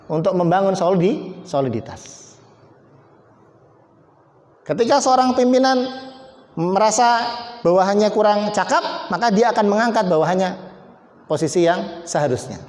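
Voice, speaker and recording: Guy doing a motivational team talk, kinda high voice, repeats himself a lot, echoey hall. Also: darkish tone. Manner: emphatic, repeats key words, jokes with named audience members. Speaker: motivational speaker. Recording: echoey hall, long reverb.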